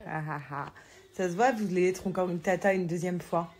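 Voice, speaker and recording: A woman, a mother and vlogger, talking candidly to camera in a casual chat and thinking aloud with frequent pauses. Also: fairly low pitch, steady tone, a little mellow, husky.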